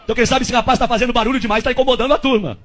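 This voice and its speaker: A man voicing his devout wife, who talks calmly and softly as she gives advice. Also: very high-pitched, very fast. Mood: earnest. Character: devout gentle wife giving advice, woman.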